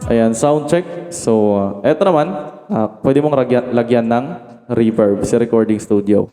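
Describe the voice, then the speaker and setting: A man's voice: mid-range voice, moderate pace, mellow, no room sound, soft background music. A man from the Philippines giving a casual product demo, chatting to viewers as "idol" and breaking into mic checks. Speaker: sound card reviewer and MC. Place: home facing a market.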